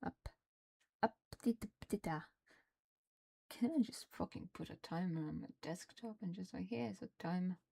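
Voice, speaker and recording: A young Norwegian woman streaming in English, her second language, chats casually while fiddling with software. Her voice is low and gravelly with a mellow, dark tone, and she speaks slowly. Frustrated, she grumbles, swears and curses at the program, often sinking into a muttered whisper under her breath.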